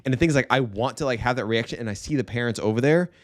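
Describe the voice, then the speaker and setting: A man's voice: mid-range voice, rapid-fire, no room sound, studio quality. A man in his thirties, co-hosting a casual parenting podcast and acting out his kids and himself as he tells stories. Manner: animated storyteller who acts out kids and himself. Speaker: podcast co-host.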